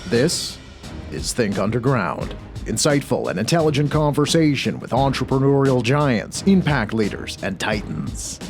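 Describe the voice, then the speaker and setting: A male announcer in a measured style reads a show promo, his voice set over loud music. His pitch sits in the middle range. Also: very animated.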